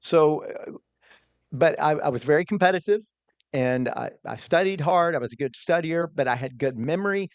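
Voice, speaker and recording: A man's voice: a little high, animated, moderate pace, smooth, no room sound. A middle-aged man, a small business owner, telling a personal story in an earnest, conversational way, often restarting his words.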